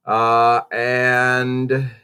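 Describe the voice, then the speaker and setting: A man's voice: mid-range voice, extremely slow, clean tone. A man hosting a casual morning update for his channel, sounding stuffy and under the weather, rambling with many fillers and restarts. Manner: animated, swoops up on greetings. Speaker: YouTube channel host.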